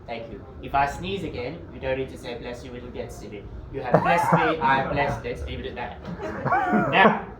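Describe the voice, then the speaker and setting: A man's voice: mid-range voice, moderate pace, recorded from a distance, crowd noise, close to an everyday voice. A man playing a bickering supervillain. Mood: smug, petulant. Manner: theatrical menace broken by coughing and squabbling. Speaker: actor in a sketch. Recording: echoey room with noise.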